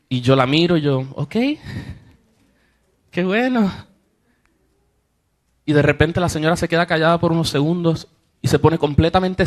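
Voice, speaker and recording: A young man preaching to a congregation, telling a personal story and acting out the voices of the people in it. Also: a little high. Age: young adult. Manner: storytelling, acts out quoted voices, rises with emotion. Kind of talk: sermon testimony to a congregation.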